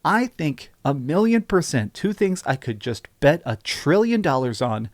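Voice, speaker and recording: An American man giving enthusiastic gaming news commentary in an excitable, emphatic, gushing way. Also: a little high, unhurried, no room sound, clean studio sound. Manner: excitable, emphatic, gushing with repeated words and hyperbole.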